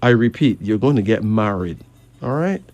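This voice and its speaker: A man's voice: lowish voice, lively intonation, moderate pace, darkish tone, no room sound, dull audio, faint music behind. A man from Barbados, chatting and reading cards, emphatic with rising questions. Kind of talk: casual chat and card reading.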